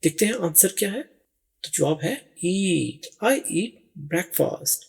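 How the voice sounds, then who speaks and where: A man's voice: high voice, expressive, vocal fry, a little mellow, slightly rough. A man, teaching English grammar and patiently walking through each answer option step by step. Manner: reads each English phrase slowly and deliberately. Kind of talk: explaining grammar exercises.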